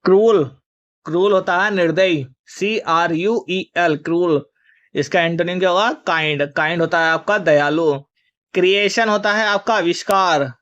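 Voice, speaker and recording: A male teacher leads a vocabulary lesson for exam students, spelling each word letter by letter, then giving its meaning and its opposite, and calling the students children. His high-pitched, fairly bright voice moves at a moderate pace, and the sound is lo-fi.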